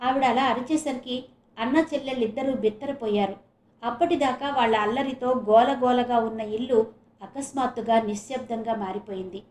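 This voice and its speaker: A woman from Visakhapatnam narrating an audiobook novel in a measured, dramatic storytelling manner. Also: a little high, a little mellow, reverberant. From Visakhapatnam, India.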